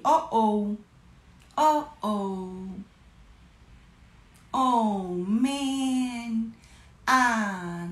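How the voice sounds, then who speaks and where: A woman with a Brazilian Portuguese accent teaching parents simple English words in a casual video, with lively, playful demonstrations. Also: on the high side, echoey room.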